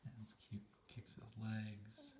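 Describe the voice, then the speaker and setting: A man casually narrating a home video of a baby in simple, halting phrases, recorded on a phone. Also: on the low side, huge pitch swings. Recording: noisy phone video with clicks.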